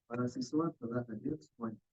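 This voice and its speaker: A man's voice: medium pitch, fast talker, a little mellow, no echo. A man, a student in an online class, reading examples and answers aloud carefully. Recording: tinny phone-like call audio.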